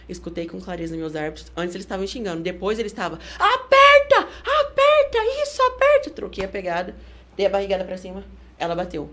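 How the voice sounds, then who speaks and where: A woman with a Brazilian Portuguese accent, a guest on a studio podcast, telling a story with energy and acting out the shouts of others. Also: fairly low pitch, a little hiss or hum. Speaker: guest fighter. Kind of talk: casual podcast interview.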